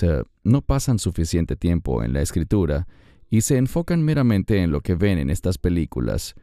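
Deep, lively earnest male host. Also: no room sound, clean studio sound. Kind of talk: Bible discussion.

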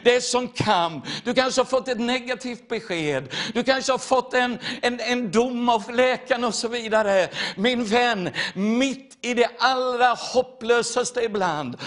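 A man's voice: very high-pitched, a bit bright. A man preaching a testimony sermon, earnest and repetitive, speaking straight to his listeners.

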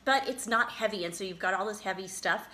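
A woman's voice: medium pitch, fast talker, pushed and bright. A middle-aged woman co-hosting a show, chatting enthusiastically over a dinner table and laughing often. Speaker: show co-host. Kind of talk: casual chat over a dinner. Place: dining table indoors.

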